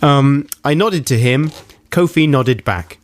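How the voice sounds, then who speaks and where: A man's voice: mid-range voice, slow pace. A man co-hosting a radio show, reading listener emails and teasing his partner in playful banter. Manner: teasing, giggly, animated. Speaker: radio co-host. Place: radio studio. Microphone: studio microphone.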